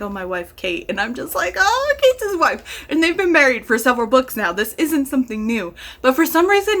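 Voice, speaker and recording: Her voice sits high and a little bright as she talks casually to the camera in her role as a vlogger and reviewer. Enthusiasm pours out of her, and she hits emphatic words hard.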